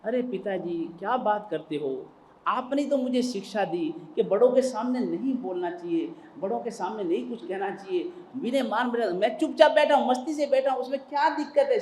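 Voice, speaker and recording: A man's voice: extremely high pitch, a little mellow, echoey room, a little hiss or hum, pitched above the performer's own voice, low-quality recording. A man voicing a cheeky young man who argues back at his father in a mock-innocent way.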